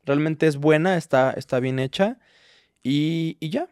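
A man's voice: a little high, a little slow, darkish tone, clear, resonant tone, no room sound. Rambling, jokey Mexican man, dry mic. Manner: rambling, jokey, mock-defensive. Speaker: podcast co-host. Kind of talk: casual chat.

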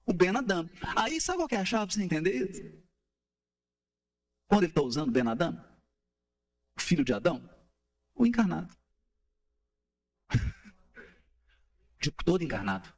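A man's voice: high-pitched, moderate pace, creaky, long pauses. A man giving an explanatory talk to a study group, asking rhetorical questions and tapping out rhythms as he goes. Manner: animated, asks rhetorical questions, taps out rhythms.

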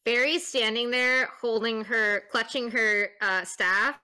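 A woman with a bright, sharp voice playing a tabletop game. She talks slowly and hesitantly, pausing often with ums as she describes her character. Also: a little high, fairly even intonation, clear, resonant tone. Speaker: player. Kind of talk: casual tabletop game play.

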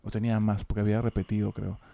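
A man, co-hosting a casual chat and telling school stories, laughing often and mimicking a shouting teacher. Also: fairly low pitch, level tone, very fast, vocal fry.

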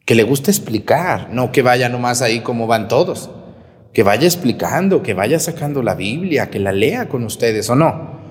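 Priest giving a sermon, lively and teasing, mid-pitched voice, big church echo. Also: male voice, normal speed. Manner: animated, mocking, preaching to the congregation.

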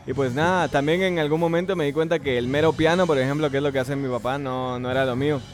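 A young man from Guatemala with a Guatemalan Spanish accent, a musician guest talking in a relaxed, slangy, hesitant way. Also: fairly high pitch, fast talker. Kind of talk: casual interview chat.

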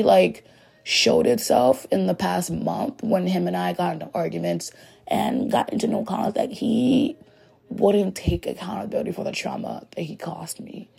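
A young woman hosting a podcast, talking frankly and rambling in a casual monologue while hoarse from losing her voice. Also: mid-range voice, warm tone. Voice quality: gravelly and raspy. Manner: rambling, frank, heavy on "like" fillers. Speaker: podcast host.

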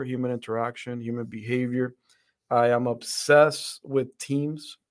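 Earnest man speaking in a flat tone. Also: mid-range voice, smooth. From Dominican Republic. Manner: earnest, reflective, many restarts and fillers. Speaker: podcast guest, center director. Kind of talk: interview conversation.

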